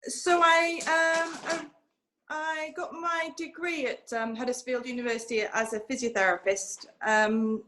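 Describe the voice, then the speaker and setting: Guest: thirties woman, slightly high voice, halting and filler-heavy. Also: little pitch movement, fairly bright tone. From North Wales. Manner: hesitant, many ums and restarts. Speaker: guest physiotherapist. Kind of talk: conversational interview.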